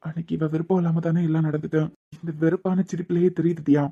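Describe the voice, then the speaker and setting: A woman's voice: low-pitched, flat delivery, quick pace, husky, muffled recording. A woman voicing a worried young husband in a cartoon who keeps pressing his wife to see a doctor. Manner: pressing, gently coaxing. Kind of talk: cartoon voice acting.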